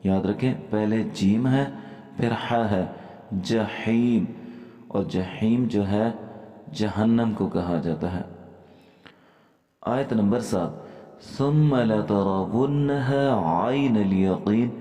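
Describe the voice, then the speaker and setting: Dark-voiced man teaching recitation, echoey room. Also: fairly low pitch. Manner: explains step by step, then recites verses slowly and drawn out. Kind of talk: Quran pronunciation lesson. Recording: echoey room with long reverb.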